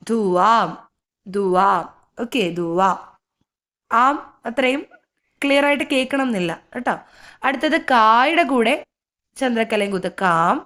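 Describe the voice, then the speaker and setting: A woman with a Malayali accent teaching Hindi reading, sounding out each syllable slowly and repeating it. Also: fairly high pitch. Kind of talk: slow spoken reading lesson.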